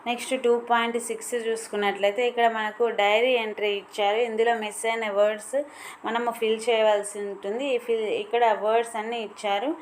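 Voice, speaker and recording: Female teacher, slightly high voice, slow deliberate reading, faint hiss behind. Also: level tone, poor audio. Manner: reads English answers slowly, explains in Telugu. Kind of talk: workbook lesson explanation.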